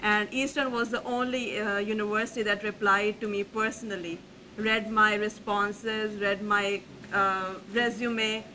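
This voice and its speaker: On a university panel, a young Pakistani graduate student speaks earnestly, often halting and restarting her sentences. Her mid-range voice is bright and forceful, captured in a low-quality recording with a little hiss or hum.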